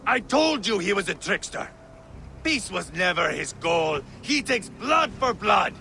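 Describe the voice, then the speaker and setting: A man playing a fierce, vengeful, hot-tempered Viking warrior in a video game, with a gravelly, commanding voice. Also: high-pitched, big pitch swings, measured pace, slight background noise, full character voice. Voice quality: gravelly, forceful. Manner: intense, commanding, theatrical.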